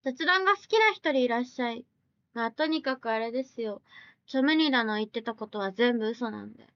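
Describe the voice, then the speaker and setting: A woman's voice: a little high, no echo, highs cut off. A woman live streamer chatting casually, reading viewer comments aloud and firing back blunt, teasing retorts. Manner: blunt, teasing retorts mixed with quick questions.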